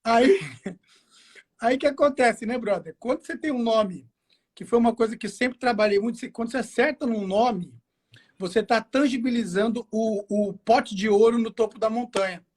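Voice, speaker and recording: A man's voice: extremely high pitch, moderate pace, a little mellow. Casting: male Brazilian guest expert, informal and slangy, explains through self-answered questions. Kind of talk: casual explanatory chat. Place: home garage.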